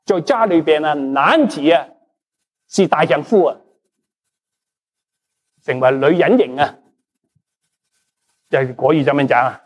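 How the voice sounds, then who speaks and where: A male pastor, a Cantonese speaker with a voice pitched slightly high. He preaches in an animated style, quizzing his listeners, answering his own questions and dropping English words into the sermon. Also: a little slow, pauses often, husky. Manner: animated, asks the congregation questions and answers them.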